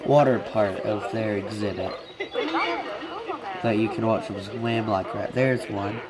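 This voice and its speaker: Guy w stuffed up nose, sounds sick, slow casual rambly game tour, crowd noise behind him. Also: lowish voice, steady tone. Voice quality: congested. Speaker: gamer giving a video game tour.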